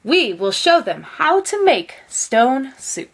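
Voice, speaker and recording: A gentle, wise monk from a storybook, voiced by a woman reader. The speech is deliberate and expressive, rising and falling widely at a fairly high pitch. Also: a little hiss or hum, full character voice. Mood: kindly, coaxing. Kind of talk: storybook read-aloud character voice.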